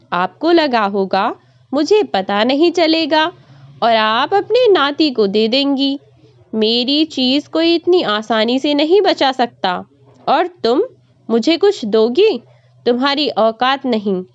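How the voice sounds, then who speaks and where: A woman voicing a harsh young daughter-in-law who shouts scornful accusations at her mother-in-law. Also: high voice, big pitch swings, slow, no echo, lo-fi sound, full character voice. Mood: angry, accusing.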